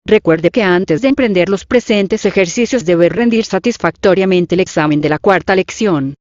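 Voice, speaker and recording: A woman reading out the instructions and numbered items of a language exercise, in a measured, even dictation. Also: fairly low pitch, dry recording. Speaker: lesson reader. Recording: dull dry lo-fi audio.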